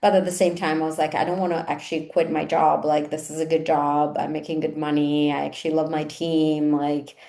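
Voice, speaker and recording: A woman's voice: low-pitched, little pitch movement, fairly quick, few pauses, warm tone. A woman from Italy, a coach chatting casually as an interview guest and peppering her talk with "like". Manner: chatty, frequent "like" fillers. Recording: roomy echo.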